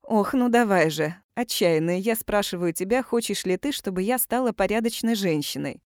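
A woman's voice: mid-range voice, animated, normal speed, darkish tone, dry recording, clean studio sound, natural voice. A woman reading a bold, teasing woman. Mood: pleading. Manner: teasing, blunt. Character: bold, teasing woman, former army doctor.

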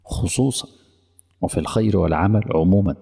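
Fast gravelly Egyptian preacher. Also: male voice, low-pitched, animated, mellow, in a large hall. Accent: Egyptian Arabic. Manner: conversational, quizzing the audience, mock dialogues. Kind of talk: colloquial religious lesson.

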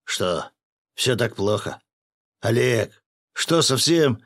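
A man voicing a stubborn, loud male fisherman in an audiobook, whining and shouting his protests. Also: medium pitch, expressive, takes it slowly, no room sound, studio quality, voice pushed up. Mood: indignant. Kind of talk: audiobook character voice.

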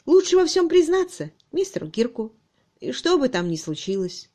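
Woman narrator voicing a calm aristocratic detective, soft-spoken, gentle. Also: high-pitched, normal speed, pitched above the performer's own voice. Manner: soft, mild, composed. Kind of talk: audiobook reading.

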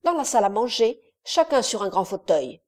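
A woman's voice: a little high, very animated, normal speed, darkish tone. A woman reading an audiobook, voicing an elderly male castle steward who speaks hesitantly and apologetically. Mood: fearful, deferential.

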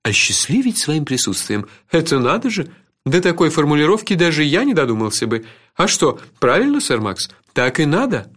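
A man's voice: a little high, big pitch swings, moderate pace, fairly bright tone, breathy edge, exaggerated voice. A man voicing a worldly older male companion who gives advice in a knowing, teasing way.

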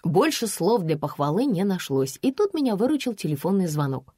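A woman narrating a storybook in the first person with a lively, wry delivery. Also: fairly low pitch, fairly quick, slightly rough, no echo, studio quality. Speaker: audiobook narrator.

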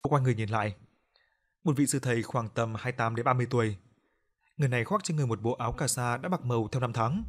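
A man narrating a horror audiobook in a steady, even reading. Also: mid-range voice, racing.

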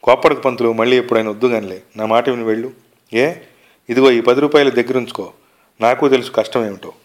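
A man's voice: mid-range voice, steady tone, fast, lightly acted. A man reading aloud and voicing a playful young woman who teases lightly. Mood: gentle. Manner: teasing, lightly mocking. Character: playful young woman, teasing yet kind.

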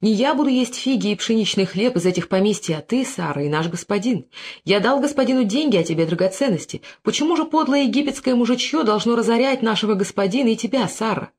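A reader voicing a scheming, flattering Phoenician moneylender in an audiobook, oily and wheedling in manner. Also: medium pitch, fast talker. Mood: fawning. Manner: oily flattery turning to angry cursing. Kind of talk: audiobook character reading.

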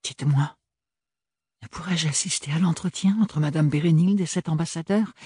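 A man reading an audiobook, voicing a polite, curious young woman in a gentle, raised voice. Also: a little high, moderate pace, husky, dry recording, clean studio sound, pitched above the performer's own voice. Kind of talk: audiobook character voice.

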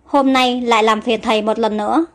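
Woman doing a caring, brisk young noble lady. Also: fairly high pitch, fairly even intonation, lightly acted. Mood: kindly brisk. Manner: brisk, gentle commands.

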